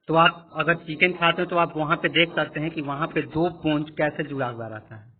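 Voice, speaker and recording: A man teaching a class lecture, explaining each point slowly and repeating questions to the students. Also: on the high side, slightly rough. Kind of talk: classroom lecture with screen annotation. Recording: tinny phone-like audio.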